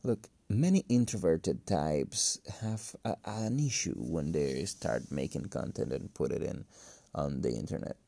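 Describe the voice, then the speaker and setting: A man who is a non-native English speaker, talking casually and haltingly in a solo podcast, with a cracking voice. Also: very deep voice, animated, gravelly, warm tone, dry recording. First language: not English. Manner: halting, hesitant, thinking aloud. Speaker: podcast host. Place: empty room. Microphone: phone.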